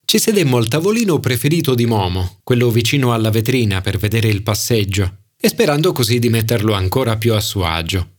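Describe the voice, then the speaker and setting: A man reading an audiobook in scripted, expressive narration. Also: medium pitch, fairly quick, few pauses. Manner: expressive storytelling. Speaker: audiobook reader.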